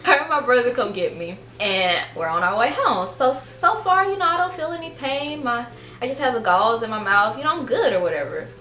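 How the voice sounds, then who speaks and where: A woman's voice: on the high side, animated, fairly quick, sharp tone, echoey room. A young adult woman casually telling a personal story to her viewers, full of "like" and "um". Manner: chatty, lots of fillers like "like" and "um". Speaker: vlogger.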